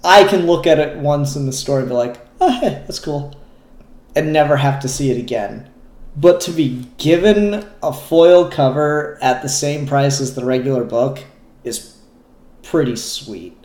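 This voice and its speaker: Slightly high, slightly slow, and a touch mellow, this male show host talks through comic book reviews in an unscripted vlog. His delivery is candid and meandering with a stray swear word, and the room sounds echoey.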